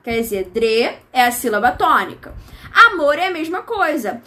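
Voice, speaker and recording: A woman's voice: fairly high pitch, big pitch swings, fairly quick, a bit bright. A Brazilian woman teacher giving an online grammar lesson in a chatty style, with asides and imagined student questions. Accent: Brazilian Portuguese.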